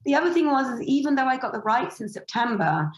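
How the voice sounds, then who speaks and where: A woman's voice: sits high, sing-song, quick pace. Rambling woman producer in an echoey room. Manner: rambling, frequent fillers and restarts. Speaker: theatre producer and director. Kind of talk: casual interview chat.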